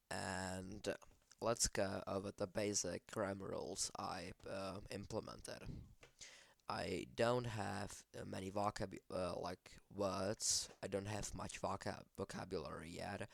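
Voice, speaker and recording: A low, gravelly-voiced man with a Czech accent, a Czech native speaker, explains his notes in a casual, hesitant way. He speaks slowly and fairly flatly, stumbling over words and stopping to fix them. The sound is close and dry. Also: no room sound. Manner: hesitant, many fillers and self-corrections. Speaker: language creator explaining his project. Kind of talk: casual screen-share explanation.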